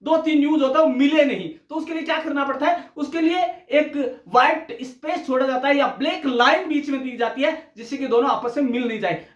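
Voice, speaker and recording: A man's voice: very high voice, highs cut off. A male teacher giving a conversational recorded lecture, often addressing listeners as friends. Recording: echoey room.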